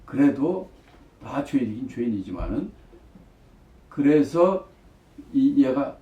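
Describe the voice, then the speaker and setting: A man's voice: mid-range voice, big pitch swings, takes it slowly, mellow. Male missionary leading Bible study, reads verses then explains them with rhetorical questions; dull lo-fi recording in a roomy space. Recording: echoey room, distant mic, dull lo-fi sound.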